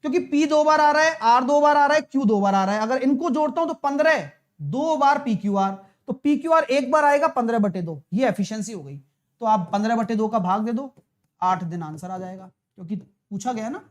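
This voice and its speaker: A male math teacher talking a live online exam-prep class through problems, brisk and coaxing, calling viewers brother and dear. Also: very high voice. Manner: brisk, coaxing, chatty, mixes English terms, calls viewers brother and dear.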